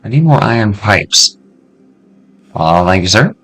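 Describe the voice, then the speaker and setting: A man hosting a casual let's-play, chatting to himself in an excitable way and swearing freely as he loots. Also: fairly low pitch, a little slow, husky. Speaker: gameplay video host.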